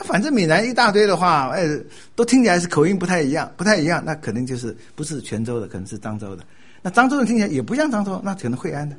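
An older man from Taiwan, giving a sermon with animated storytelling and laughing at his own jokes. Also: medium pitch, slightly rough.

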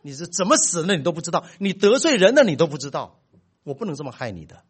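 Middle-aged male pastor, animated preacher whose voice rises and drops widely. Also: on the high side, quick pace, husky. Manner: animated storytelling with big swings in loudness. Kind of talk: sermon.

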